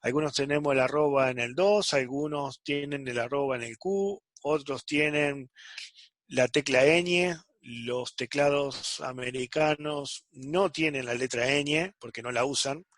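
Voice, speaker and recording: In an online programming class, a man checks in with his students after almost every phrase, asking "¿sí?" and "¿está?" to confirm they understand. His voice is medium in pitch, a little bright and unhurried, recorded with no room sound.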